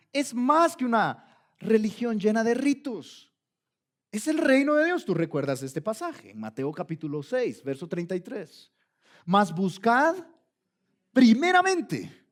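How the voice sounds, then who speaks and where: High-voiced pastor preaching emphatically. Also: male voice. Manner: emphatic, direct address, repeated commands. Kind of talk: sermon. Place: church.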